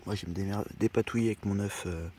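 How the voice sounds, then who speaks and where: A man's voice: lowish voice, steady tone, fast, darkish tone, slight background noise. Slangy man rambling by a campfire. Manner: slangy, rambling, swears freely. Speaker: van-life vlogger. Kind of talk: casual vlog chat. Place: outdoors by a campfire.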